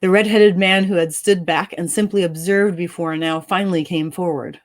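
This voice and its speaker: An author reading her story with expression, then chatting cheerfully and laughing easily. Her voice sits a little low for a woman. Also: fairly even intonation, normal speed. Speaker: author and co-host. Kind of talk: dramatic story reading and casual chat.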